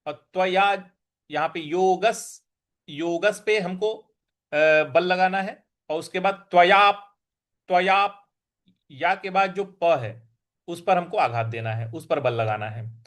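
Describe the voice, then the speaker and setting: High-pitched guy teaching verse recitation super slow, repeats every syllable, sort of chants the lines. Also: fairly bright tone. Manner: repeats syllables slowly, drawing out and stressing sounds. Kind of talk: verse-by-verse pronunciation lesson.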